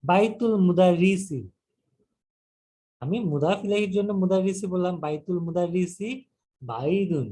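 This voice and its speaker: High-voiced man teaching grammar slowly. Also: dark tone. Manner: slow, repeating words and breaking them down step by step. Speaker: Arabic teacher. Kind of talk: explaining a grammar lesson.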